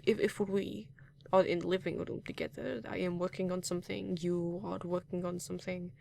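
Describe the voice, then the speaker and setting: A man voicing a reserved, formal and caring partner in a comfort roleplay, speaking softly with hesitant restarts and few contractions, at times in a whisper. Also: high voice, vocal fry, slight background noise. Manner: soft-spoken, at times whispering. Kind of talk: comfort roleplay addressed to the listener.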